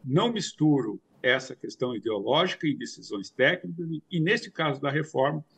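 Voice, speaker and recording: A man's voice: mid-range voice, lively intonation, moderate pace, creaky, a bit bright, husky. A man in his sixties giving remote news commentary from a home study over a video call, explaining at length with frequent hesitations and repeated fillers.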